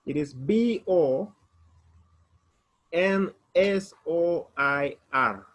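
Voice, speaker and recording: A man's voice: fairly high pitch, fairly bright tone. A man teaching a beginner French lesson online, spelling words out letter by letter.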